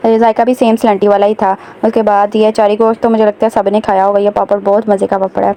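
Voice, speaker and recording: A woman's voice: medium pitch, flat delivery, fast talker, warm tone. A young woman narrating her day at home in a chatty vlog voice-over, talking straight to her viewers. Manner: chatty, addresses viewers directly. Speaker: vlogger.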